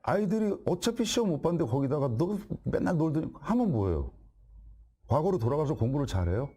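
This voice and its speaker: A man's voice: a little high, big pitch swings, fairly quick, mellow. A man speaking as a guest to an audience of parents, joking and directly asking them rhetorical questions. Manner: acts out dialogues, jokey and direct. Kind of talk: storytelling talk to an audience.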